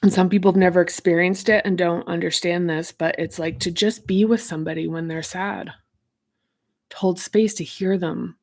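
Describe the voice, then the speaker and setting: A woman's voice: lowish voice, steady tone, moderate pace, a little mellow. A woman, a self-help author, talking loosely through ideas from her own book, with lots of fillers as she searches for words. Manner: rambling and searching, heavy on fillers.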